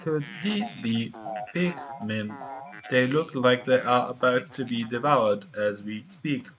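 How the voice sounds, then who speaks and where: Guy reading out a stiff formal ship computer, calm and instructive, music going behind. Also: medium pitch, slow, poor audio. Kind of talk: reading game dialogue aloud.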